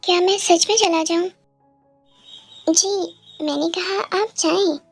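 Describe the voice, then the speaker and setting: A woman's voice: extremely high pitch, fairly even intonation, slow, faint music behind, full character voice. A woman voicing a playful young husband who teases his wife in a storybook tale. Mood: teasing. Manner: teasing, playful. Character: young husband, teasing and affectionate.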